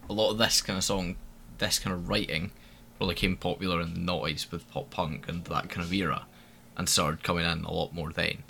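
A man co-hosting a casual music review podcast, animated and opinionated, often restarting his sentences. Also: low voice, brisk, vocal fry, hardly any pauses, slight background noise. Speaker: podcast co-host.

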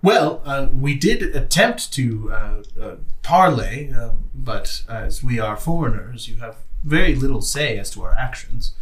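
A man's voice: mid-range voice, lively intonation, measured pace, few pauses, a bit bright, reverberant. A man playing a tabletop role-playing game, talking casually and in character with the group. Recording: distant mic, noisy, clicks.

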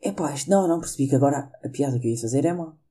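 A man with a European Portuguese accent delivers a loose comic monologue from home. His voice is husky and dark, and he rambles and teases his own jokes as he goes. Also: mid-range voice, lively intonation, very fast. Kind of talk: casual comedic monologue. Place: at home during lockdown.

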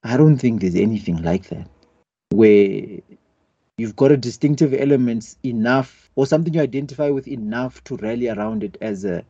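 A man's voice: mid-range voice, lively intonation, moderate pace, dark tone, lo-fi sound. A man in a casual debate, hesitant and searching for words as he argues a point.

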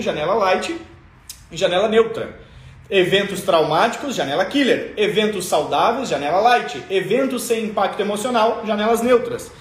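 High-voiced southern Brazilian speaker. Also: male voice. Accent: southern Brazilian, Rio Grande do Sul. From Rio Grande do Sul, Brazil. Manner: emphatic, playful, acts out examples. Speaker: motivational speaker. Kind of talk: animated motivational talk. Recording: echoey room.

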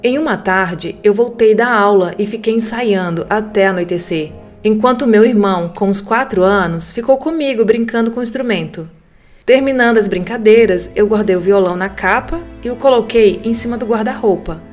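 A woman with a Brazilian Portuguese accent narrates scripted ghost stories in an even, measured way. Her voice sits in a middle pitch. Soft music plays faintly underneath. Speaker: podcast narrator reading listener stories. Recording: faint music bed behind the voice.

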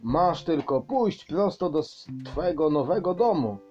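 A man voicing a proud, enthusiastic father troll who talks in grand, excited phrases. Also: fairly high pitch, a little slow, lo-fi sound, faint music behind, pitched above the performer's own voice. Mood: eager.

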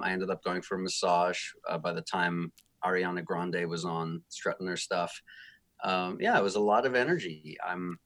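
A man's voice: low-pitched, a bit bright. A man speaking as a guest music therapist, talking in a thoughtful, reflective, self-deprecating way in a casual interview.

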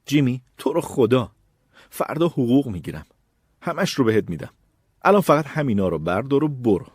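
A frightened woman begging her brother for mercy, her voice lifted above the reader's deep tone but still breathy, as a male narrator puts her on. She pleads fearfully and anxiously throughout. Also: sing-song, mellow, no room sound, clean studio sound, full character voice. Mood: pleading.

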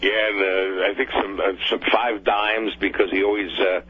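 Older male phone caller from New Jersey, low voice, muffled line, hesitant and reminiscing. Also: level tone, normal speed. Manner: hesitant, reminiscing, with many fillers and restarts. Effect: heard over the phone. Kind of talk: phoning in to a radio talk show. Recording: dull phone line with faint hum.

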